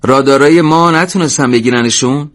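A man voicing a brisk male military commander who gives loud, clipped orders. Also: mid-range voice, expressive, pitched above the performer's own voice. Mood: commanding.

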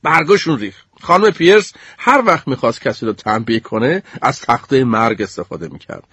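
A man reading a children's story aloud in a playful, animated way, often chuckling. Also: a little high, slightly rough, dry recording. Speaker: narrator.

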